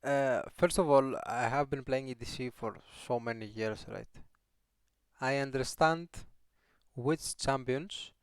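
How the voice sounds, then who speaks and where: A man coaches a player over a voice call, friendly and unhurried, pausing and filling gaps as he thinks. His voice is smooth and clear, mid-pitched, and recorded close and dry. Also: no echo. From Greece. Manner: friendly, unhurried, with pauses and fillers. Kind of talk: casual coaching chat.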